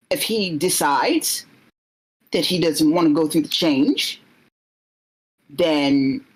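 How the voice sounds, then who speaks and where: A woman's voice: lowish voice, voice pushed up. A woman voicing a jealous, centuries-old male vampire official who speaks formally and stumbles when cornered. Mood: furious.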